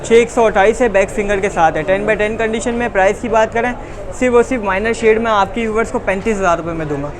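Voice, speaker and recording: A high-voiced man with a Pakistani accent delivers a rapid, insistent teleshopping-style sales pitch. He repeats prices and stock phrases as he lists phones. Busy street noise and chatter surround him. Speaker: phone seller.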